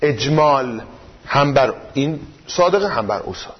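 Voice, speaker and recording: A man's voice: medium pitch, animated, breathy edge, highs cut off. A man teaching a seminary class on jurisprudence, explaining points with rhetorical questions.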